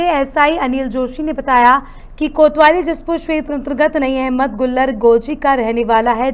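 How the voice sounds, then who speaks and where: Young female news anchor, high voice, scripted bulletin delivery. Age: young adult. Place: TV news studio.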